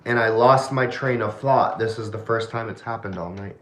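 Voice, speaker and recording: A man with a lowish voice talks loosely about faith in a casual late-night chat, a little drunk and rambling. His voice rings in an echoey room. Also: moderate pace, a bit bright, a little hiss or hum. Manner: rambling, loses his train of thought, drunk. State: tipsy. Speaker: podcast co-host.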